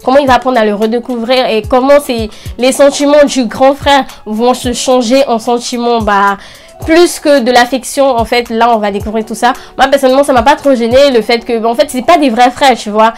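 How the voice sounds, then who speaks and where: A slightly high, brisk-sounding young woman runs an anime review channel and gushes about recommendations to her viewers in loose, slangy youth speech.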